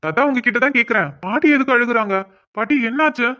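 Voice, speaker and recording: A woman's voice: on the high side, expressive, fast, sharp tone. A woman voicing a stubborn young grandson. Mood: puzzled. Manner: protesting, insistent. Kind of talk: cartoon family drama. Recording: dull lo-fi.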